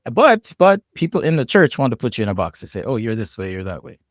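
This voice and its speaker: A Jamaican man with a Jamaican accent chats casually as a podcast guest, reflective and often restarting or repeating words while he thinks. His medium-pitched voice swings widely in pitch and moves at a quick pace. The recording is studio quality with no echo.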